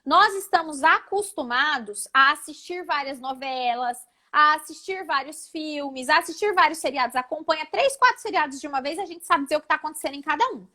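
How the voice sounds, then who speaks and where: High-voiced woman teaching public speaking. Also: animated, fairly quick, few pauses, pushed and bright. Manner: didactic, demonstrates intonations. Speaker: oratory instructor, guest speaker. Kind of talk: live online talk, teaching.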